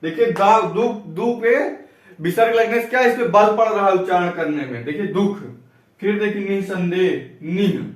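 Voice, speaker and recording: Slow-dictating man teacher in echoey room. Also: high-pitched, far from the mic. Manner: slow, dictating phrase by phrase, repeats examples. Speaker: grammar teacher. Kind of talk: classroom lesson.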